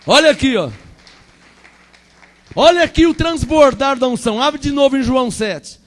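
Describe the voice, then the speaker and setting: Fervent high-voiced Brazilian preacher. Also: male voice, moderate pace. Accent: Brazilian Portuguese. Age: 40s. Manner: fervent, repetitive, swings between loud proclamation and quiet asides. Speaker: pastor. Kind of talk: Pentecostal sermon.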